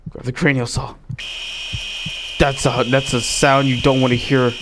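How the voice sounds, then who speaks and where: A man giving comedic gameplay commentary, excitable, bantering as a mock doctor and yelping and shouting at mishaps. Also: medium pitch, measured pace, background noise. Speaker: gaming video creator.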